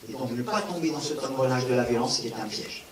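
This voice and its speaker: A man giving a public talk on non-violence, animated, with rhetorical questions and emphatic repetition, answering an audience's questions. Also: mid-range voice, quick pace, recorded from a distance, a crowd in the background. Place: large hall with an audience. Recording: echoey hall, speaker away from the mic.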